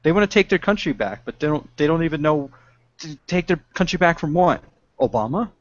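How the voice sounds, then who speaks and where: On the high side and expressive, a young man's voice comes through with no echo as he co-hosts a laid-back political podcast from home. The dull lo-fi audio comes from his webcam mic on a video call, and his talk is joking, laugh-filled and drawn out.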